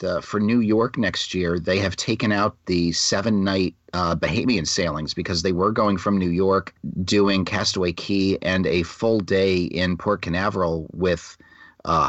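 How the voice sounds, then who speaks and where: Low-voiced American podcast man, wordy. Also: measured pace, fairly bright tone, no echo. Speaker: podcast co-host. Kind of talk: casual explanatory podcast talk. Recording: dull lo-fi, dry close audio.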